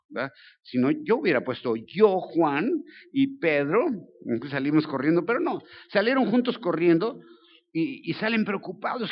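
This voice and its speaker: Older Mexican pastor, slightly high voice, humorous slangy preacher, muffled lo-fi church recording. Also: male voice. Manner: colloquial, joking, lively storytelling. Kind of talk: sermon.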